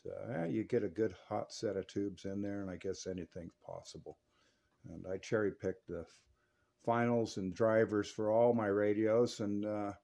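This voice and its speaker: At an indoor radio workbench, an American radio repair technician and video host gives a casual hobbyist demonstration and chats on CB radio. He talks in a folksy, slangy way, with a fairly low, creaky, mellow voice.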